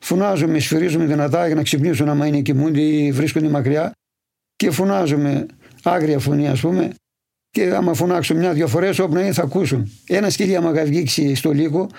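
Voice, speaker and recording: Man, livestock farmer, fairly high pitch, explains in detail. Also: gravelly, slightly rough. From Imathia, Greece. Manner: detailed, steady storytelling. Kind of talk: interview answers.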